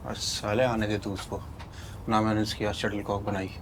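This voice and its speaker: A man in a comedy series, gruff and abusive, hurling insults at a friend. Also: on the low side, little pitch movement, moderate pace, slight background noise, lightly acted. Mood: angry. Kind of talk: scripted comedy web series. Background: music.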